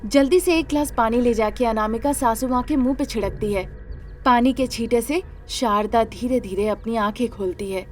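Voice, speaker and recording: A woman narrates a cartoon story in a steady, matter-of-fact way. Her voice sits high. Faint music plays underneath. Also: moderate pace.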